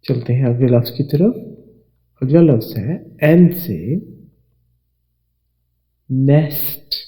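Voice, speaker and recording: A man teaching English spelling to Urdu speakers, spelling out each letter and repeating every word slowly. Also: mid-range voice, dark tone, poor audio. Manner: slow and deliberate, spells out letters and repeats words. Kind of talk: slow spelling lesson narration.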